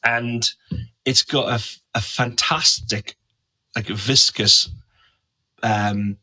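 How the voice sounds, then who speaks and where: Bright-voiced enthusiastic guest. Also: male voice, medium pitch, steady tone, slow pace, poor audio. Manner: enthusiastic, gushing about products. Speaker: guest, brand creative officer. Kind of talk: casual interview chat.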